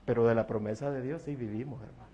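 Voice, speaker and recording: A man's voice: mid-range voice, quick pace, dull audio. A middle-aged man, preaching an evening sermon in a folksy, joking way and addressing the congregation again and again as brother. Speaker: pastor.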